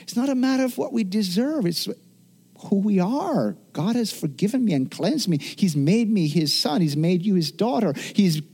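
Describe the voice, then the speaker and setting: A man's voice: high voice, lively intonation, normal speed, warm tone, breathy edge. A middle-aged man preaching a sermon as pastor, earnest, often restarting and repeating words.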